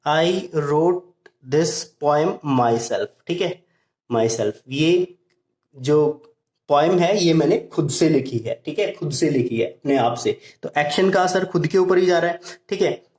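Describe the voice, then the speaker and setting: A man with a slightly raised pitch teaches grammar patiently and repeats his points. He reads the English example sentences slowly and clearly. The sound carries a roomy echo. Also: darkish tone. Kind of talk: Hindi-language grammar lesson. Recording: echoey room.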